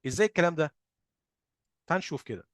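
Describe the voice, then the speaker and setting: A man's voice: fairly high pitch, expressive, dry recording, clean studio sound. A man with an Egyptian Arabic accent teaching phonics in an explanatory lesson, posing questions and answering them himself and drawing out example sounds. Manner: drawn-out sound demonstrations.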